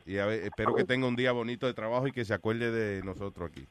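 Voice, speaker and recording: A man's voice: on the low side, fast talker, a crowd in the background. A man hosting a radio show, teasing and joking with callers and mixing in English phrases. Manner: teasing, jokey, mixes in English. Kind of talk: playful radio banter. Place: radio studio.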